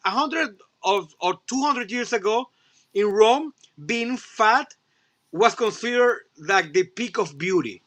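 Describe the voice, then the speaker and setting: A man whose first language is Spanish, chatting casually as a guest, animated and full of restarts. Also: high voice. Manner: halting, many restarts, animated. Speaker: guest toy reviewer. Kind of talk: casual chat.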